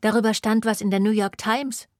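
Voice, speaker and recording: A woman's voice: mid-range voice, fairly even intonation, a little fast, no room sound, studio quality, pitched above the performer's own voice, close to an everyday voice. A woman voicing a bored young student with a weary, matter-of-fact manner. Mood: chatty.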